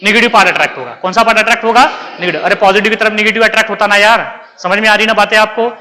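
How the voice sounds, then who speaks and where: A man's voice: sits high, steady tone, very fast, bright, forceful tone, in a large hall, rough recording. A man with an Indian accent teaching chemistry, mixing English terms into his lecture and repeatedly asking his students questions, then answering them himself. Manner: keeps quizzing students and answering himself, calls them beta. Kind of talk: classroom lecture.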